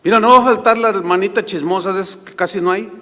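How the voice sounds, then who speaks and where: A man's voice: sits high, quick pace, a bit bright. A man preaching a sermon, telling stories and acting out the voices of the people in them. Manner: storytelling, acts out voices. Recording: long reverb of a large hall.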